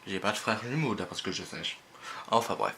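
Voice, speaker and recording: A man's voice: fairly low pitch, animated, brisk, heavy background noise. A young man casually reviewing a microphone, joking and rambling in a chatty way. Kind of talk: casual product review vlog.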